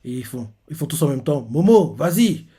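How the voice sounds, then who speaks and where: A man's voice: mid-range voice, fairly even intonation, fast talker, mellow, husky. A man casually retelling manga chapters and reacting to them, talking in loose rambles full of fillers.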